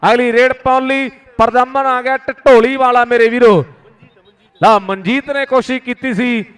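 Very high-pitched man, frantic rural sports commentary. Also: steady tone, normal speed, clear, resonant tone. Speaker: kabaddi commentator and announcer. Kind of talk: live village kabaddi commentary with announcements. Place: outdoor village sports ground over loudspeakers. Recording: echoing outdoor PA with long reverb.

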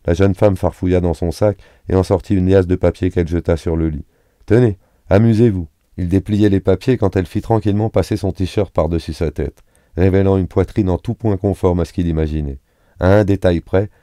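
A man reading a serialized novel aloud in an even, unhurried narration on a close studio mic. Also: low voice, no room sound. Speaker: audiobook reader.

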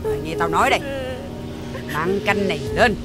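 An actress playing a stern, wealthy matriarch who scolds harshly, with a Southern Vietnamese accent. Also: female voice, medium pitch, sing-song, moderate pace, close to an everyday voice. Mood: angry scolding. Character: stern wealthy household matriarch, commanding and furious. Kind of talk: TV drama acting. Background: music.

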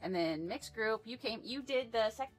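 A woman's voice: on the high side, lively intonation, normal speed, faint music behind, low-quality recording. A woman narrating a casual travel vlog in a chatty, upbeat way, with fillers. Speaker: travel vlogger.

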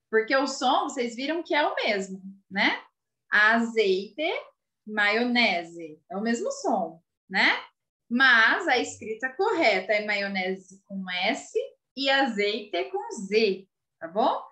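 A woman's voice: sits high, bright, forceful tone. A woman teacher with a Brazilian Portuguese accent giving a video lesson to children, patiently spelling out and repeating words and checking that the class follows. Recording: roomy echo.

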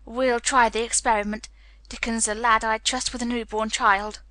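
A woman voicing a middle-aged male doctor who speaks in a measured, slightly nervous way. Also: fairly high pitch, flat delivery, sharp tone, no room sound.

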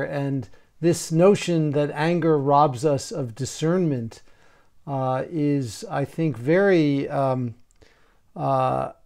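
Slow, deliberate older man asking questions. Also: on the high side, vocal fry, a little mellow. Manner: slow, deliberate, hesitant with many fillers. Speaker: moderator. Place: home office. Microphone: video call.

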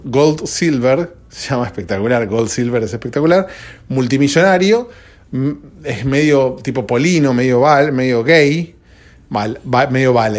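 A sleepy man with a Rioplatense Spanish accent, rambling conversationally as a podcast host, recorded at home at dawn. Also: mid-range voice. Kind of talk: solo podcast chat.

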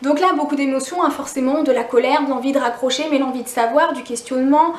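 A woman's voice: high voice, quick pace, echoey room. A woman YouTuber telling a personal story in a casual vlog, candid and chatty, with frequent restarts and asides to her viewers.

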